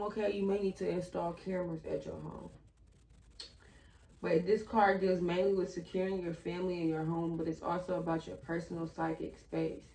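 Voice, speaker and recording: In her bedroom at a table, a young woman talks through a tarot reading, chatty and slangy, thinking aloud in a slightly raspy, low voice with a fairly flat delivery. The recording is roomy and taken from a little way off the mic, with slight background noise.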